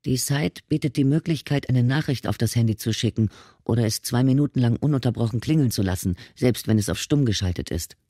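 A man reading an audiobook, voicing a calm male companion who explains things. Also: medium pitch, a little fast, no echo, studio quality, natural voice. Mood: explaining.

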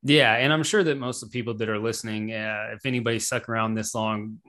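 A man's voice: lowish voice, fast talker. Chatty man, loose and rambling. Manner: relaxed, rambling, many fillers. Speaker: podcast co-host. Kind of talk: casual chat. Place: home computer setup.

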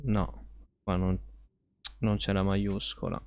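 A man's voice: low-pitched, little pitch movement, slow pace, gravelly, dry recording. Swearing man streaming a horror game. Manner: reacts loudly, swears, reads game text aloud. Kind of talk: live gameplay commentary and reading aloud.

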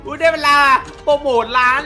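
A man playing along in a multiplayer game, shouting and teasing his friends with mock disgust. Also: normal speed. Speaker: co-player. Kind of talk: playful game chat and role-play. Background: game music.

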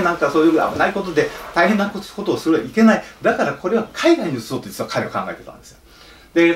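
A man, a film director, speaking to an audience at a talk event, animated and storytelling, now and then slipping into playful dialect impressions. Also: fairly high pitch. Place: theater or event hall. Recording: roomy hall, distant mic, faint noise.

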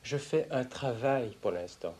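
A young man confronting his analyst in a heated argument, provocative, swinging between raised voice and hushed tones, caught on a portable tape recorder in an office. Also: medium pitch, animated, unhurried, slight background noise. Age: young adult. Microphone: hidden portable tape recorder.

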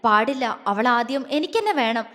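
A woman's voice: a little high, big pitch swings, normal speed, a bit bright, big-room sound. A woman voicing a jealous, hot-tempered young man in an audio story, resentful in tone. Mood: brooding.

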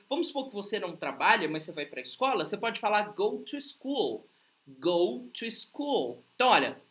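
A woman with a Brazilian Portuguese accent teaching English on a live stream, upbeat and coaxing, slowly repeating phrases for drills. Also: fairly high pitch, bright, forceful tone. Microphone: livestream setup.

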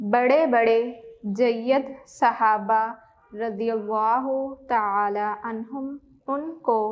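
A woman teacher giving a slow classroom lesson, repeating words for dictation and correcting herself mid-sentence. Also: a little high, muffled recording.

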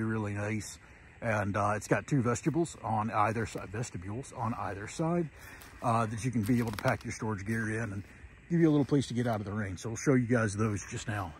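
A man in his thirties talking casually to the camera outdoors at a campsite, relaxed and rambling with lots of fillers. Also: fairly low pitch, brisk, a little hiss or hum, poor audio. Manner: relaxed, rambling, many "uh"s and restarts. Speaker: outdoor vlogger. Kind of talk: casual gear talk to camera. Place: outdoors by a frozen lake, windy campsite.

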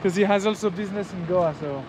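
Against a noisy background, a man in his thirties speaks fast in a high-sitting voice. He hosts a casual travel vlog as a motovlogger, chatting in a friendly way with locals and the camera outdoors in a mountain village and in a small roadside restaurant, using many fillers and "guys."

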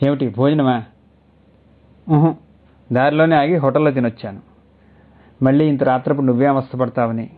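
Narrator doing a soft-spoken young husband, calming, plain medium voice, tinny phone-like sound. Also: male voice, mid-range voice, normal speed, pauses often, natural voice. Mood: casual. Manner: soft, consoling. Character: gentle, soothing young husband.

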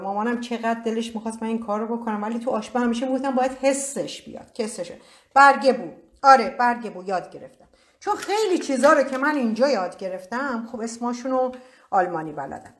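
A middle-aged woman chats her way through a live cooking stream in her home kitchen. Her voice sits a little high. She rambles, hunts for words and often laughs at herself. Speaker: cooking livestream host. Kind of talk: casual live cooking chat.

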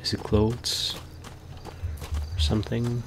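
A man's voice: medium pitch, completely flat delivery, slow, heavy background noise. A man giving casual, wry game commentary, understated, as if muttering to himself. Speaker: let's-play commentator.

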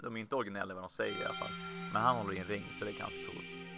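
Low gravelly guy chatting through his game, gets excited, game music playing underneath. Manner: chatty, excitable, talks to himself while playing. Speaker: let's play host. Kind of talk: casual gameplay commentary. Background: video game music.

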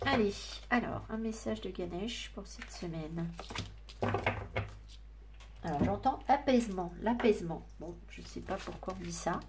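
A woman's voice: mid-range voice, measured pace, heavy background noise. A woman giving a tarot and oracle card reading, musing aloud in a chatty way with many fillers and restarts. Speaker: tarot reader. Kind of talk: casual spiritual card reading.

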